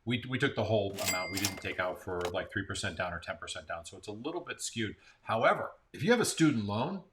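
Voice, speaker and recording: American guy, lowish voice, chatting about housing numbers, stumbles and restarts a lot. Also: expressive, fast talker, a bit bright, a little hiss or hum. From Central Florida. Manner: conversational, explains numbers with restarts. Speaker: real estate agent, co-host. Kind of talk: casual market-report chat.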